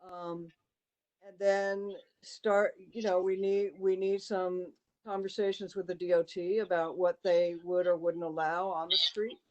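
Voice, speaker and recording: A committee chair speaking over a video call at a town meeting. The voice sits at a middling pitch and wanders through ideas out loud, stopping and restarting, padded with fillers. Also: level tone, unhurried, highs cut off. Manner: rambling, thinking aloud with many fillers.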